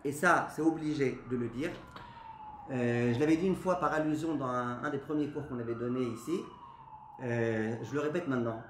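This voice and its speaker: Animated man teaching a class. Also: fairly high pitch. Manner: animated, asks the audience questions and answers them himself. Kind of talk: lively spoken Torah lesson. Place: classroom with a live audience. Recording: echoey room, faint background noise.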